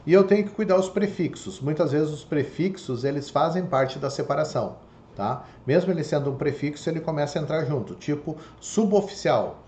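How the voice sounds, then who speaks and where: A man lectures patiently on grammar, checking in with his students every few phrases. His voice sits a bit high for a man. The echoey room carries a faint hiss underneath. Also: expressive, fairly quick, a little mellow. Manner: explanatory, repeats "tá?" and "ok?" to check understanding. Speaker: Portuguese teacher. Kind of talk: online lecture.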